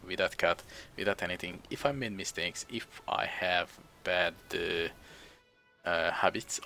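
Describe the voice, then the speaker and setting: A young Hungarian game streamer, whose first language isn't English, rambles through self-deprecating commentary over gameplay, chuckling as he goes. His voice is low-pitched and creaky, yet bright and forceful.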